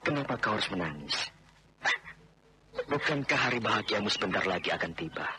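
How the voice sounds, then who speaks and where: An overbearing, insistent suitor. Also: male voice, lowish voice, expressive, brisk, pushed and bright. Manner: insistent, overbearing, then remorseful. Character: domineering man forcing marriage on wronged woman. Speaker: radio drama actor. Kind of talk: 1980s radio drama acting.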